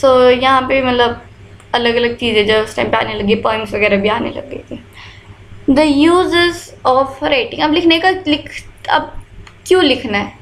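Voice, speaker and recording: A high-pitched woman lecturing on history for exam prep, her speech mixing Hindi and English with an Indian accent. She explains patiently through everyday examples, with plenty of fillers. The recording carries a noticeable room echo. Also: slight background noise. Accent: Indian English mixed into Hindi. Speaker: teacher.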